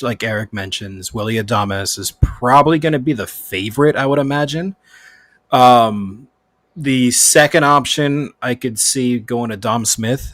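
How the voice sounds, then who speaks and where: A man from California co-hosting a sports podcast, talking in a relaxed, hedging, conversational way. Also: mid-range voice, no room sound. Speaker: podcast co-host. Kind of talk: casual sports chat.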